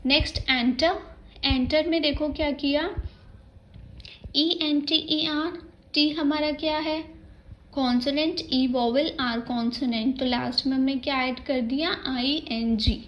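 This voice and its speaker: High-voiced Indian woman teaching grammar. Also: steady tone, measured pace, highs cut off. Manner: explains step by step, spelling words letter by letter; mixes English terms into Hindi speech. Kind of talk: exam-prep grammar lesson.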